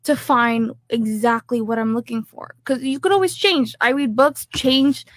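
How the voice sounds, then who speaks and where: A woman's voice: fairly high pitch, normal speed, no echo, clean studio sound. A young woman from Toronto, a panel guest who earnestly explains her own views. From Toronto, Canada. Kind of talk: casual panel debate.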